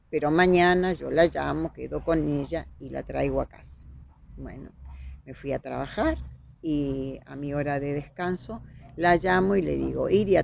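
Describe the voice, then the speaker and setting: A woman with a Uruguayan accent speaks low, with vocal fry and a dark tone. She's a podcast guest telling a story in conversation, recounting events vividly and acting out the dialogue she quotes.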